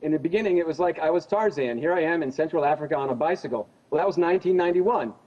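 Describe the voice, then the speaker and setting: Speaking very fast in a mellow, higher-pitched voice, this American man is a genocide investigator offering pointed opinions as a news interview guest. He's insistent, emphatic and accusatory, and the recording sounds dull and lo-fi.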